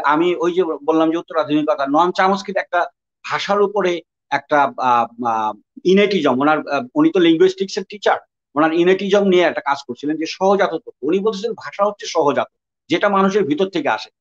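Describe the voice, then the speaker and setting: A man from Bangladesh with a Dhaka Bengali accent, speaking in a reflective interview, discursive and often pausing with fillers to search for words. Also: on the high side, lo-fi sound. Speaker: interviewee, writer.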